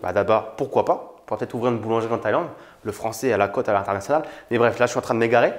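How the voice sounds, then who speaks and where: A young Frenchman who makes YouTube videos about money and online business talks casually straight to the camera. His voice is lowish and he speaks at a racing pace, sounding informal and familiar with viewers and using plenty of fillers.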